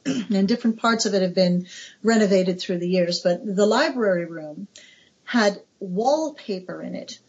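An American woman in her forties, an author chatting warmly and eagerly in an interview, laughing often, on a dull lo-fi recording. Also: medium pitch, husky. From United States. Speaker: author guest. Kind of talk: casual interview chat.

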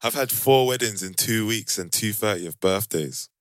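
A man's voice: fairly low pitch, moderate pace, dry recording. A man with a London roadman accent bantering casually as a podcast co-host, repeating short slangy phrases.

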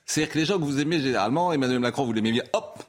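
A man's voice: medium pitch, rapid-fire. A man hosting a talk show, teasing his guest and cutting in with fillers and short interjections.

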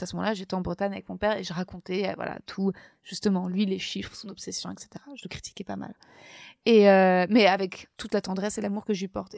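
A woman's voice: medium pitch, vocal fry, a little mellow, no room sound, studio quality. A woman guest on a podcast tells her story casually, rambling and self-deprecating, with many hesitations. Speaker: podcast guest, first-time author.

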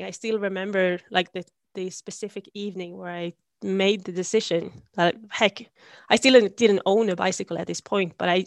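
A woman's voice: mid-range voice, dry recording. Thoughtful young woman, dry close sound. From Sweden. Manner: thoughtful, searching for words, many restarts. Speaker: guest, long-distance cyclist. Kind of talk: reflective interview answers.

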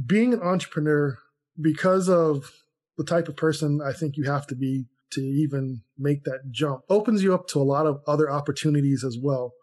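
A man with a slightly high, slightly mellow voice co-hosts a podcast, talking casually and reflectively through personal anecdotes as an entrepreneur.

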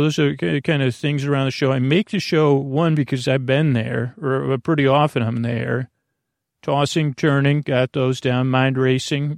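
A podcast host with a creaky, gravelly voice at an ordinary male pitch rambles through a soothing bedtime monologue, speaking haltingly and drifting into digressions. The recording is close and dry, with no echo.

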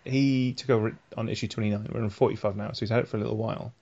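A man's voice: fairly low pitch, steady tone, racing, darkish tone, slightly rough, highs cut off. A man hosting a casual podcast chat, patiently explaining the backstory of a comic series. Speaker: podcast host.

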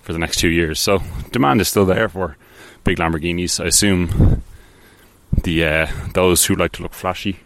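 A man with a very deep, low voice chats loosely through a solo podcast. He wanders and hesitates, filling gaps with ums and false starts, and often makes light of himself. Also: normal speed, fairly bright tone, dry recording. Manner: rambling, hesitant, many ums and restarts; offhand and self-deprecating. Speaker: podcast host. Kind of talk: casual solo podcast about cars.

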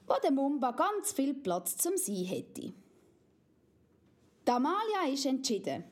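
A woman with a Swiss German accent reads a children's story in a high, animated voice. Her pitch swings widely and playfully from phrase to phrase. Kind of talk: storybook reading.

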